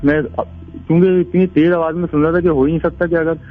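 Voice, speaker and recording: A man's voice: a little high, flat delivery, fast talker, faint music behind. A man calling in to tell a ghost story in a rambling, casual way, with many restarts. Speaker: caller. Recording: tinny phone line.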